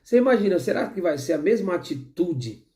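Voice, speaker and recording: Mellow-voiced Brazilian man ranting about football. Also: sits high, big pitch swings, fairly quick. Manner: heated, rambling, frequent restarts and asides. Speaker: football commentator. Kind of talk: opinionated casual football talk.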